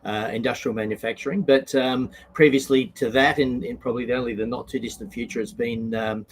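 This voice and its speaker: A man consultant answering questions in a live panel over a video call, halting and thinking aloud as he goes. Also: mid-range voice, fairly even intonation, slight background noise.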